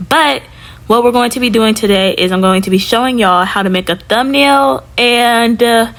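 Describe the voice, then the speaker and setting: A young woman YouTube creator gives a casual, chatty how-to tutorial, talking informally with lots of fillers. Her voice is fairly high-pitched and a bit bright.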